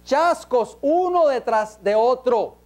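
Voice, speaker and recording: A man's voice: very high voice, lively intonation, slow pace, darkish tone. Man, preacher, emphatic sermon, rhetorical questions, church. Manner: emphatic, asks the congregation many rhetorical questions.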